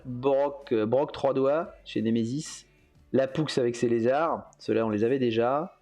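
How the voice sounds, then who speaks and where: Guy hosting a stream, rambly, lots of ums and little laughs, quiet music in the back. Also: mid-range voice. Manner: rambling and hesitant, with many fillers and chuckles. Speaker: host. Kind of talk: casual livestream chat.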